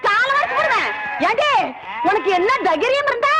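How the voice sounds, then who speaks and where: A woman playing a loud, bossy village grandmother who scolds and threatens in a film comedy. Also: very high voice, lively intonation, moderate pace, very noisy. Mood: scolding. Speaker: actress in a film comedy scene.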